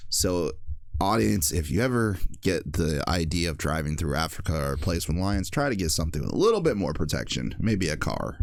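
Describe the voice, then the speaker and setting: A man's voice: low-pitched, sing-song, a little fast, creaky. A man hosting a casual podcast, reading out weird news stories with jokey asides and frequent laughter. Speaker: podcast host.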